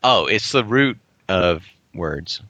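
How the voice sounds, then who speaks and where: Deep, lively wisecracking man. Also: no room sound, highs cut off. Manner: wisecracking, quick jokes. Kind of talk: casual chat.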